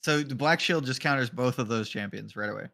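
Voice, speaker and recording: Man, esports color caster, casual live draft talk, jokey, laughs a lot, mid pitch. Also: a little fast, creaky, pushed and bright. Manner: casual and joking, laughs often, swears offhandedly. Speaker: esports color commentator and league admin.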